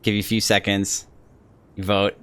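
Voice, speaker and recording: A man chatting casually with his viewers during a live game stream, halting and talkative. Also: on the low side, monotone, a bit bright, smooth.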